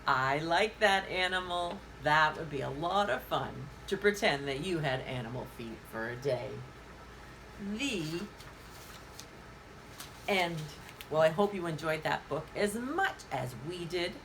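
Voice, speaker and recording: Hosting a children's story time, a woman with a low-sitting, fairly bright voice gives simple directions and encouraging questions in a deliberate, sing-song manner with lively intonation. The audio is poor, with a little hiss or hum.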